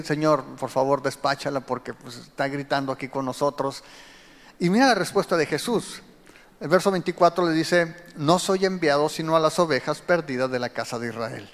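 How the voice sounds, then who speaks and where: A man's voice: high-pitched, long reverb tail. A man preaching a sermon, explaining scripture and speaking directly to his listeners. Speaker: pastor.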